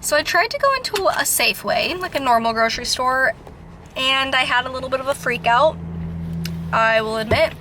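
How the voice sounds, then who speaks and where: A woman's voice: sits high, expressive, normal speed. A woman vlogging her road trip in casual chat, filling her talk with "like" and openly emotional, recorded around a camper and outdoors. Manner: chatty, fillers of "like". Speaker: travel vlogger. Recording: outdoor background noise.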